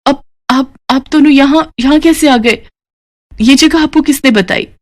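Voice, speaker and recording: A woman's voice: sits high, unhurried, voice pushed up. A woman doing a greedy young daughter-in-law. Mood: flustered.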